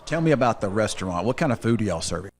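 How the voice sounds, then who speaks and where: A man's voice: lowish voice, animated, quick pace, slight background noise. Weatherman in his sixties, chewing while talking. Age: 60s. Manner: folksy, talking with food in his mouth. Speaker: meteorologist. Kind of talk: on-location weather report. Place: outdoors at a ranch restaurant.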